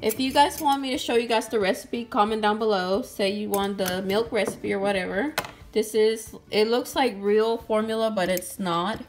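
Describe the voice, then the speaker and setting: Speaking at a moderate pace in a mid-range voice, a young doll channel host casually narrates a cooking scene with dolls in an indoor toy kitchen. She's sweet and chatty, addressing both her viewers and a doll, and there's background noise plus background music.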